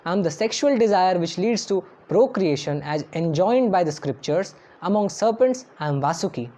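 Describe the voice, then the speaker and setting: एक महिला जो धार्मिक श्लोकों को गाकर पढ़ती है और फिर उनका अर्थ शांत, नपे-तुले ढंग से पढ़कर सुनाती है।. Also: female voice, lowish voice, lively intonation, very slow, warm tone. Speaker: scripture reciter and translator. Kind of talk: chanted verse recitation with read translation. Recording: dull lo-fi recording over faint instrumental music.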